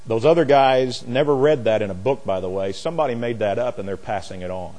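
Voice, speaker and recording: With a mellow, mid-range voice and a brisk pace, a pastor teaches a Bible study as an expository sermon. He comes across emphatic and opinionated, plainly spoken and folksy.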